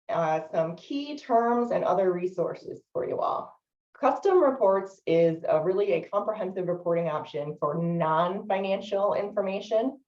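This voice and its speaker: A woman trainer leading a software training webinar, explaining steadily with frequent "um" fillers. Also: lowish voice. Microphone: video call microphone. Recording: distant, roomy, dull lo-fi webinar audio.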